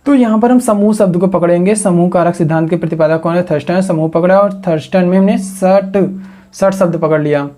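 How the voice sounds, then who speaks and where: Male coaching teacher, mellow tone, drills mnemonics through question and answer. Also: high-pitched, a little fast. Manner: repeats questions to the class and answers them; builds memory tricks from words. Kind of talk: exam coaching lecture.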